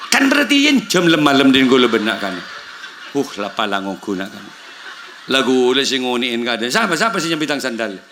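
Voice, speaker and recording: A man's voice: mid-range voice, very animated, a little fast, background noise. A man with a Madurese accent giving a comic sermon at a village gathering, telling jokey stories and acting out dialogue in several languages. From Madura, Indonesia. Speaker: preacher.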